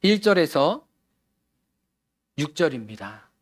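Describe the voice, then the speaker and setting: A man's voice: on the high side, sing-song, slow, dry recording. A man from Seoul preaching a Sunday sermon, talking easily with his congregation and asking them questions. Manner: conversational, asks the congregation questions. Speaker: pastor. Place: church sanctuary.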